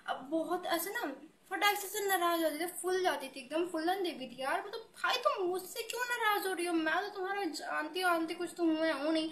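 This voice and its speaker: High-pitched young woman ranting casually in a storytime vlog, roomy echo. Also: slight background noise. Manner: animated, exasperated, many fillers like "thik hai" and "bhai". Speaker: vlogger.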